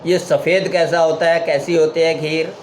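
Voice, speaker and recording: A man voicing a stubborn blind man who keeps shouting questions in a spoken parable. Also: a little high, steady tone, normal speed, a little hiss or hum, close to an everyday voice. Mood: insistent. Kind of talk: storytelling parable.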